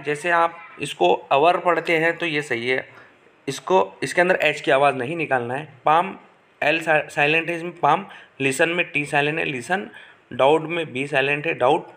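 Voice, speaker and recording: A man explaining English spelling and pronunciation rules step by step, slowly repeating each example word. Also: medium pitch, bright, forceful tone. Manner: slow, careful, repeats examples. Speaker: English teacher.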